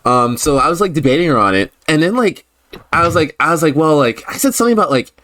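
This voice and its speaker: A man's voice: fairly high pitch, animated, quick pace, pushed and bright. A man from Florida hosting a casual online chat, rambling with lots of fillers and breaking into giggles. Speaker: host.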